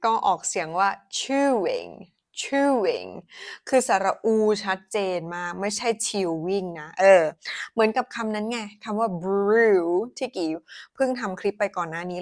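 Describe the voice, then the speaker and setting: A Thai woman giving a casual pronunciation lesson, switching between Thai and English and slowly modeling each word. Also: fairly low pitch.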